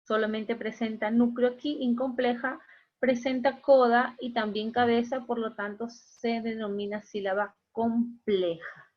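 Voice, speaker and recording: A woman's voice: a little high, steady tone, unhurried. Teacher woman on a muffled video call. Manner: patient, repeats key points with checking tags. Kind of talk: online class lecture.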